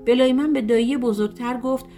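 A woman narrating a folk tale as an audiobook, in a gentle storytelling cadence that voices the characters' dialogue. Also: a little high, steady tone. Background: soft guitar music.

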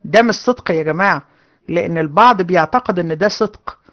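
A woman's voice: lowish voice, fast, dull audio. A woman with an Egyptian accent teaching a religious lesson to a class of women, earnest and given to repeating her points. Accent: Egyptian Arabic. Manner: earnest, repetitive, addresses class directly. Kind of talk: hadith lesson to women students.

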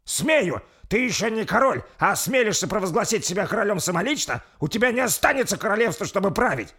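A man voicing a defiant lord who shouts his demands in a strained, high voice. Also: sing-song, fast, breathy edge, exaggerated voice. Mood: furious. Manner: shouting, indignant. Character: furious older male lord, defiant and loud.

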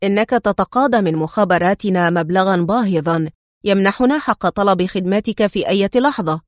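A woman's voice: mid-range voice, fairly quick, dry recording, clean studio sound, natural voice. A woman voicing a stern, tough male secret agent in a storybook reading, clipped and menacing.

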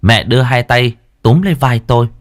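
Telling a horror tale, a man keeps things tense and dramatic with big swings in pitch, speaking briskly. The recording is dry and studio quality, and faint music sits behind him.

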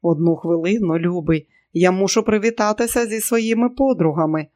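Man doing a showy, excitable young woman. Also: moderate pace, dry recording, lightly acted. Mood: breezy. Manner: high excited bursts, exclamations.

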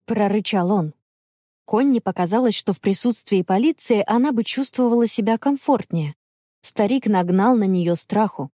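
A woman telling a children's story in measured, expressive audiobook narration. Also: medium pitch, dry recording, clean studio sound.

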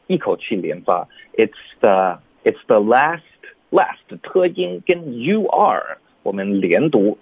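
A man teaching English on a radio lesson, patient and explanatory, slowing down to model each sound. His voice is low and husky, with lively pitch. It comes through a tinny, phone-like line that sounds dry. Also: no echo.

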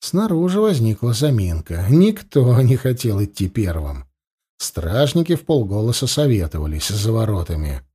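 Man narrating a story in a dark voice. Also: fairly low pitch, big pitch swings, normal speed, breathy edge. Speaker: audiobook narrator. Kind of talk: scripted narration.

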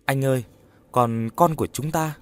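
A man's voice: mid-range voice, moderate pace, clear, resonant tone, natural voice. A man voicing the tearful ghost of a young wife in a storybook horror tale. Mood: grieving. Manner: tearful, pleading. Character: grieving young wife's ghost, tender.

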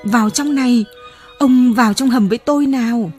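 A woman's voice: fairly high pitch, normal speed, darkish tone, faint music behind, pitched above the performer's own voice, natural voice. A woman reading an audiobook voices a frightened older woman who pleads urgently and breathlessly. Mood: frightened pleading.

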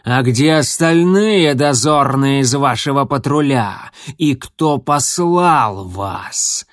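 A man voicing a hulking, menacing male warrior cat with a low threatening bass, speaking slowly and sneeringly. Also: expressive, dry recording, studio quality. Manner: slow, drawn-out, sneering.

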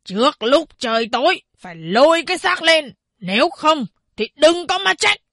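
A woman's voice: sits high, sing-song, normal speed, a little hiss or hum, voice pushed up. A woman playing a bullying, barking official. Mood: angry. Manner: barking, scolding, contemptuous. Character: arrogant, bullying male government official.

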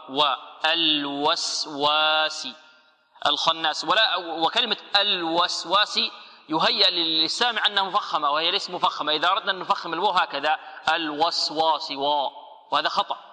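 A man teaching tajweed, posing rhetorical questions and answering them himself, and slowing into chanted recitation for examples. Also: fairly high pitch, sharp tone, long reverb tail. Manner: explains by asking rhetorical questions, then answering.

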